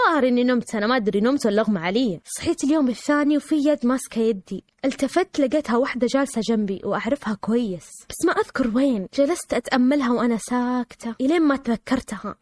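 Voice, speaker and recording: Storyteller woman, high voice, rapid emotional telling. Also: a little mellow, no room sound. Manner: emotional, dramatic. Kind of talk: first-person dramatic storytelling.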